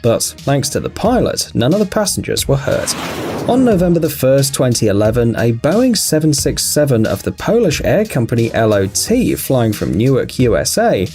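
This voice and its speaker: A man's voice: mid-range voice, a little mellow. A man reading scripted video narration, with wry, jokey asides.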